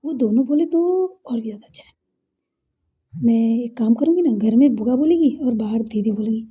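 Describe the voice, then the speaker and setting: Playful, innocent young woman read by a female storyteller; husky, mellow tone. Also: a little high, normal speed. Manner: innocent, teasing, eager. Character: playful young businesswoman, childlike with family.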